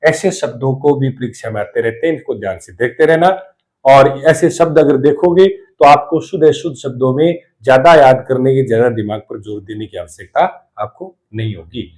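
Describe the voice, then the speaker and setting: A man's voice: mid-range voice, normal speed, a little mellow. A man with a Rajasthani Hindi accent, teaching a Hindi spelling lesson at a board, repeating each word and asking and answering his own questions.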